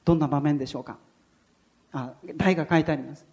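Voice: medium pitch, fast. A preacher delivering a sermon, animatedly telling a story and then drawing out its lesson. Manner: animated storyteller, shifts between narration and quoted voices.

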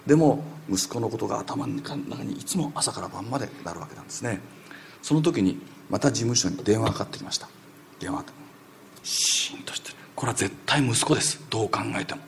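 With faint room noise behind him, a gravel-voiced male preacher speaks low and fast, delivering his sermon as an animated story. He performs the quoted voices and at times sinks into whispers.

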